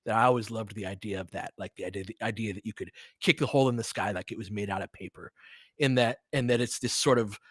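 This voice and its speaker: A man with a lowish, slightly breathy voice and a fairly bright tone talks fast, recorded dry in studio quality. He hosts a sports podcast and also streams sports play-by-play, chatting unscripted with listeners in an earnest, rambling, freely profane way.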